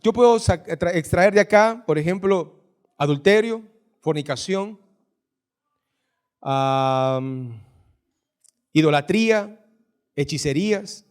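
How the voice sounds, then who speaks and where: A male pastor with a Guatemalan Spanish accent preaches in a church. His voice sits high, and he takes his time, drawing out each item of a scripture list and teasing the congregation in between. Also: lively intonation, clean tone. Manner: reads scripture lists slowly, jokes with the congregation. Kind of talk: sermon. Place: church hall.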